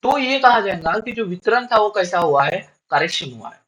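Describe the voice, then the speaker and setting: A man's voice: normal speed, low-quality recording. A male teacher giving a classroom lecture, who keeps asking questions and answering them himself and repeats key lines for his students. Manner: lively up-and-down pitch.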